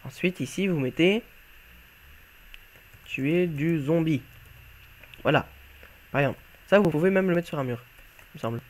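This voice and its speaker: A man with a somewhat high voice walks through a game mod in relaxed, chatty commentary. He thinks aloud as he plays, offhand and unpolished. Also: normal speed, long pauses. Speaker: YouTuber showcasing a game mod. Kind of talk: casual gameplay commentary.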